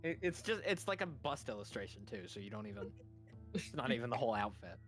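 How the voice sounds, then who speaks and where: A woman with a strikingly deep voice runs a tabletop game, setting each scene in a chatty, giggly way. Her pitch swings widely as she talks, and faint music plays behind her. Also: sing-song, fast talker. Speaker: game master.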